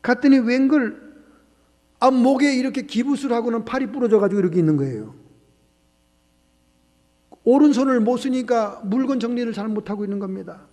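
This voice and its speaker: A man's voice: very high voice, brisk, long pauses, warm tone. A male pastor telling a story in a sermon and acting out the dialogue with changing voices. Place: church sanctuary. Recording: long church hall reverb.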